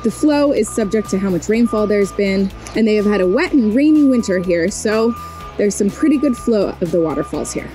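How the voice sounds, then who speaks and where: A woman calmly describing a waterfall stop for a travel video. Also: mid-range voice, normal speed. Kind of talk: travel narration. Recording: soft music behind the voice.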